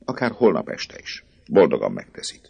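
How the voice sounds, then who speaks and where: Brief: a boastful, jittery poet, a gravelly-voiced male reader putting him on, full of fussy patter and wide swoops. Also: very deep voice, wildly swooping pitch, a little mellow, highs cut off, pitched above the performer's own voice, exaggerated voice. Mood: chattering, scheming. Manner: rapid, fussy, self-pleased patter. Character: chatty scheming male poet, nervous and boastful.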